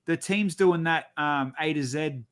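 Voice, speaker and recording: A man's voice: a little high, a little slow, crowd noise. A man chatting casually and informally as host of a hobby show. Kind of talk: casual chat.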